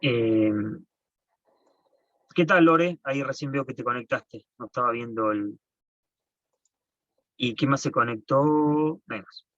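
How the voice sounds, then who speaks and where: Teacher explaining on a lo-fi video call. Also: male voice, medium pitch, slow pace, pauses often, fairly bright tone, no room sound. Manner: explanatory, repeats and restarts phrases. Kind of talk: online class lecture. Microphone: computer mic on a video call. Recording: dull, dry lo-fi call audio.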